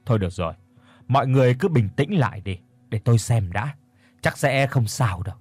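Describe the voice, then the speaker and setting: A man voicing a calm old exorcist master with a deep, warm, soothing voice. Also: normal speed, no room sound, soft background music, lightly acted. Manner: soothing, steady.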